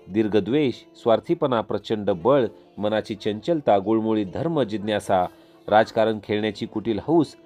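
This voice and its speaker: Man reading out an old epic, measured and dramatic, lowish voice. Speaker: storyteller. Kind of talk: epic storytelling narration. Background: soft instrumental music.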